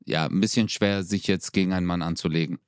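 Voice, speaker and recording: A young man chatting casually on a podcast, telling an animated story with street slang. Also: low-pitched, quick pace, clear, resonant tone, no echo, studio quality. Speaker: podcast co-host. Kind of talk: casual chat.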